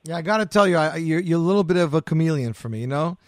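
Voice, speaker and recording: A man's voice: fairly high pitch, lively intonation, racing, no room sound, studio quality. Chatty male interview host. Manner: chatty, enthusiastic asides. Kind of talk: casual interview.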